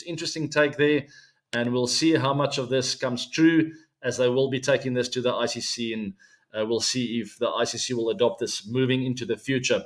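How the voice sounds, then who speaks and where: A medium-pitched man in his forties, whose first language is Afrikaans and who has a South African accent, hosts his own weekly cricket show. He keeps it relaxed and chatty, with plenty of ums and asides to his viewers.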